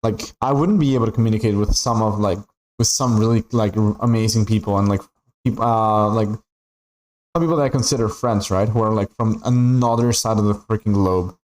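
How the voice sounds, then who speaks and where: This is a low-quality recording of a young Peruvian gamer making casual chatter as he streams. He speaks at a normal pace in a lowish, darkish voice, rambling with filler after filler, mostly "like" and "right?".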